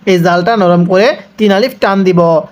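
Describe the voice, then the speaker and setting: A man teaching Quran recitation, explaining quickly and then drawing out each word slowly for students to repeat. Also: high voice, steady tone. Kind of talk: spelling-out recitation lesson.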